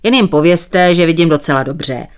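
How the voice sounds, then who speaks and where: A woman's voice: fairly low pitch, smooth, close to an everyday voice. A woman voicing a stubborn male sheep farmer who politely dodges every request with thanks. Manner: courteous, evasive, dodges with thanks.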